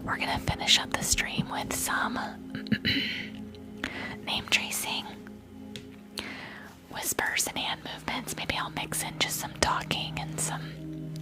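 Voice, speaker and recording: A woman whispering softly on an ASMR livestream. She chats with viewers and makes playful mouth-sound triggers close to a sensitive microphone. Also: slow, pauses often, over music.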